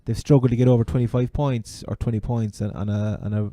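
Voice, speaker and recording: A man's voice: medium pitch, steady tone, fast, warm tone, no room sound. A man with an Irish accent from Cork, co-hosting a casual chat about sport. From Ireland. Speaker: sports podcast co-host.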